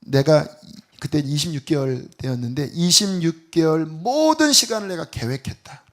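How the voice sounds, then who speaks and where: Middle-aged male pastor, higher-pitched tenor, lively storytelling sermon. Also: moderate pace. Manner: animated storytelling, acting out quoted voices. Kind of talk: sermon with personal testimony.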